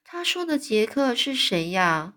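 A woman doing a quiet, curious little girl. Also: a little high, big pitch swings, measured pace, pitched above the performer's own voice, exaggerated voice. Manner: quiet, whispering questions. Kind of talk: storybook read-aloud.

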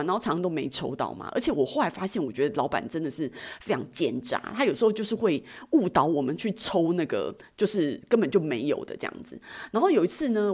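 A woman's voice: fairly low pitch, a little mellow, breathy edge. A woman, telling personal stories as a podcast host in a chatty, self-mocking way. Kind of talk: personal storytelling.

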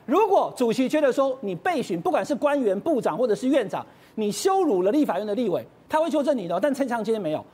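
A man with a Taiwanese Mandarin accent, a political commentator on a TV talk show panel, recounting events in animated detail. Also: extremely high pitch, quick pace, breathy edge.

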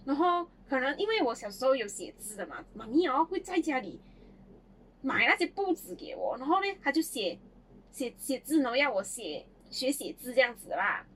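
High, lively woman. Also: moderate pace, slight background noise. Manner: animated, laughs often while telling stories. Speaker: podcast co-host. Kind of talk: casual chat, childhood storytelling.

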